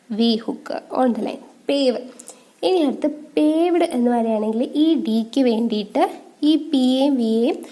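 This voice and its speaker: A woman's voice: on the high side, mellow. A woman teaching shorthand, asking questions and answering them herself. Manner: asks questions and answers them herself, reads rules slowly. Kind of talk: explanatory lesson.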